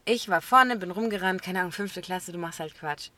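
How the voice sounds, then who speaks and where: A woman co-hosting a podcast, telling an animated story in casual chat, laughing often and acting out what people said. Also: lowish voice, moderate pace, no echo. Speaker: podcast co-host.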